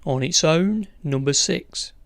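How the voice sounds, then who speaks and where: A bingo caller announcing numbers in measured, formulaic set phrases. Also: mid-range voice, dry recording, studio quality.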